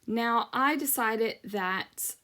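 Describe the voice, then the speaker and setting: A middle-aged woman hosting a scrapbooking channel chats casually over a crafting process video, rambling with many ums. Her voice is a little high, bright and forceful, very slow, and a little worn from talking.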